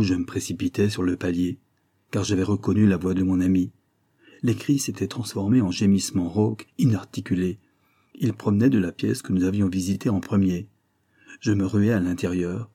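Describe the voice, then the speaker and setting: A man narrating an audiobook in the first person, in a measured storytelling manner. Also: low-pitched, warm tone, slightly rough.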